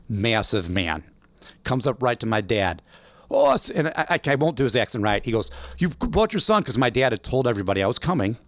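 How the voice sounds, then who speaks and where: A man in his forties telling a life story as a podcast guest, animated and acting out the voices of people he quotes. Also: lowish voice, no room sound. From United States. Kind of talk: storytelling interview.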